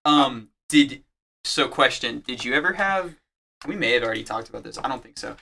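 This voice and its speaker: Male podcast co-host, bright tense tone, playful and teasing. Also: medium pitch, lively intonation, a little fast, gravelly, a little hiss or hum. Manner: teasing, laughs often. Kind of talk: casual podcast chat.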